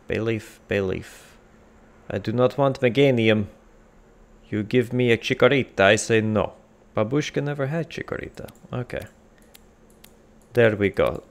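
A man's voice: lowish voice, gravelly. Man in a fake comic Russian accent. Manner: put-on comic Russian accent, dropping articles; rambling, jokey, talks to himself while cooking. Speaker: gamer playing a cooking game. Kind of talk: casual gameplay commentary.

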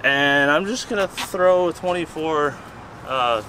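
With a fairly high, pushed and bright voice, this car vlog host talks slowly while fixing a car outside. He jokes, mocks himself and chats as he explains the repair, all over loud engine noise in the open air.

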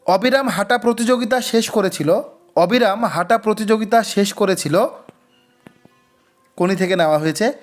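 A man's voice: high voice, moderate pace, long pauses, soft background music. A man teaching an exam-prep quiz lesson, reading each question twice before giving and explaining the answer. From West Bengal.

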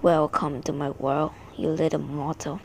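A woman voicing a sinister, deep-voiced entity that rules a nightmare realm, taunting and menacing, over background noise. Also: flat delivery, unhurried, a little mellow, low-quality recording.

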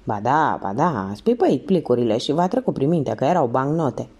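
A woman's voice: a bass voice, big pitch swings, darkish tone, slightly rough, heavily acted. A woman voicing a blunt male police inspector who asks short, probing questions.

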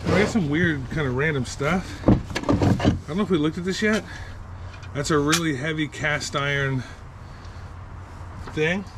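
A man's voice: a little high, measured pace, pauses often. A man in his thirties casually rambling through his finds item by item, recorded on an action camera outdoors beside a vehicle. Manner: upbeat, rambling item-by-item chatter. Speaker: storage unit reseller vlogger. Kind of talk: casual unboxing commentary. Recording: loud background noise.

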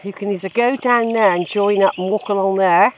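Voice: mid-range voice, fairly even intonation, brisk, muffled recording. Chatty walking vlogger musing aloud, noisy outdoor recording. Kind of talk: rambling casual commentary while walking. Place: outdoors on a woodland track. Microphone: handheld camera's built-in microphone. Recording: outdoor handheld recording with clear noise.

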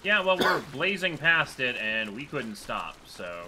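A man's voice: mid-range voice, sing-song, unhurried, background noise. A man chatting casually as he plays a game with friends. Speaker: gamer playing with friends. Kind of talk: casual gaming chat.

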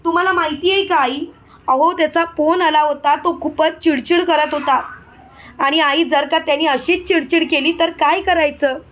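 A woman's voice: high voice, fairly even intonation, normal speed. A woman voicing a sly young wife who complains and hides her secrets. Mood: complaining. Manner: complaining, shouting.

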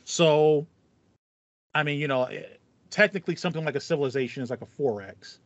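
Casual video game music chat comes from a podcast co-host in his thirties whose voice sits on the high side and moves fairly quickly. He explains things enthusiastically but ramblingly. A headset on a video call in a small, foam-paneled room indoors gives slightly muffled, dry audio with no echo.

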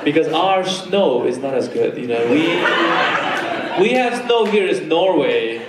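In an echoey little club, recorded from a distance amid crowd noise and laughter, a male stand-up in his 30s teases the audience into his handheld mic. He speaks unhurriedly in a slightly high voice, bantering animatedly with the people in front of him.

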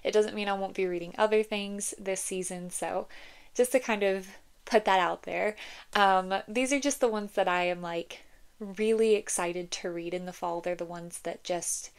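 Speaking at normal speed with fairly even intonation, this young woman has a clean, mid-range voice, though a cold makes her slightly congested. She's a book vlogger chatting casually from home, leaning on "like" and "um" often and reading blurbs out loud.

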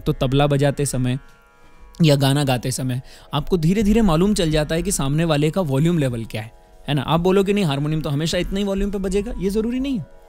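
A male music teacher with a fairly high speaking voice explains things patiently, stopping often to check that his students follow. He speaks close to a microphone, and soft harmonium playing runs under his words. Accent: Hindustani. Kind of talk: spoken music lesson with sung demonstrations. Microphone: close studio microphone.

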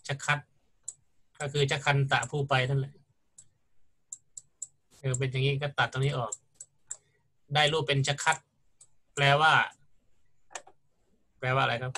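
Man, middle-aged, university lecturer, bright tone, patient classroom explanation. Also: medium pitch. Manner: patient, explanatory, asks students questions.

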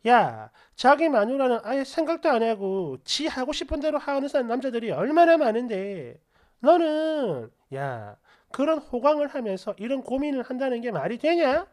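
A woman's voice: high-pitched, sing-song, normal speed, a little mellow. A woman voicing a blunt friend in a narrated story who scolds the teller for complaining. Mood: scolding. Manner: scolding, teasing. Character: blunt, teasing female friend.

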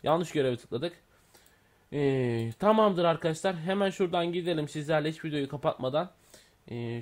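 A man giving casual gameplay commentary, thinking aloud with lots of fillers and self-corrections. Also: on the high side. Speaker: gaming YouTuber.

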